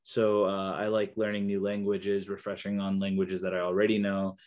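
A young man whose first language is Kannada, a researcher and therapist, appears as a guest on a video call interview. He talks hesitantly, full of fillers and restarts. His low-pitched voice is monotone and darkish, at a normal speed.

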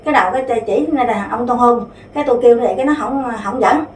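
Fast-talking woman in her fifties. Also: a little high, darkish tone, recorded from a distance. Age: 50s. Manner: rambling, many fillers and restarts. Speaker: interviewee. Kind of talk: casual spoken complaint. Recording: roomy, off-mic, faint background noise.

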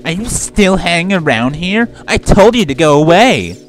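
A man's voice: sits high, big pitch swings, normal speed, faint music behind, low-quality recording. A man voicing a haughty young female fish princess over gameplay, in a bossy, dismissive way.

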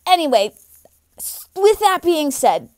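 A woman's voice: very high voice, very animated, a little slow, no echo, clean studio sound. A young woman speaking to camera from her living room, sharing an opinion in a chatty, earnest way full of fillers. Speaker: vlogger. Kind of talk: casual opinion vlog.

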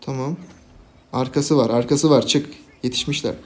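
A young man giving casual, jokey live commentary on his own game, swinging from quiet planning to loud, laughing outbursts. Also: mid-range voice, moderate pace. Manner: excitable, jokey, shouts and laughs at big plays. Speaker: gaming YouTuber.

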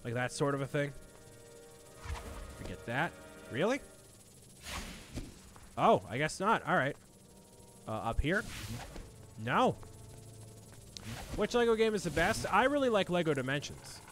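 A slightly high-voiced man who talks playfully through a live gameplay stream, and his pitch swings all over as he jokes. He reads out chat questions and chatters at the game characters, with game music audible behind him. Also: big pitch swings, a little slow, long pauses, a bit bright. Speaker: guest streamer playing a video game.

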